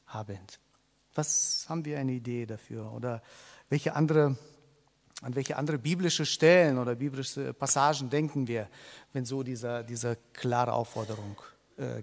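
A man preaching a sermon to a congregation, halting, with many fillers and restarts, and putting questions to the listeners. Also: medium pitch. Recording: long hall reverb.

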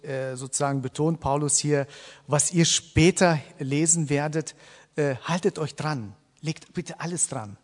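A man preaching a sermon to a congregation, halting, with many fillers and restarts, and putting questions to the listeners. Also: fairly high pitch. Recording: long hall reverb.

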